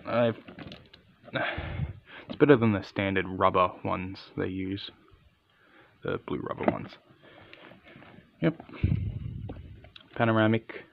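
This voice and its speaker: A man's voice: low-pitched, takes it slowly, creaky, pauses often, phone-quality sound, slight background noise. A man giving a casual, unscripted hands-on product review in an understated, matter-of-fact way.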